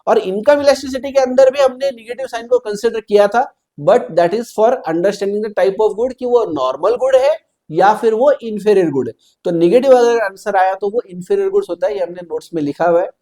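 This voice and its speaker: Hindi-English economics teacher, mellow voice. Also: male voice, high-pitched. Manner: explains step by step, checks in with students often; mixes Hindi with English terms, reads questions slowly. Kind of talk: exam-prep lecture.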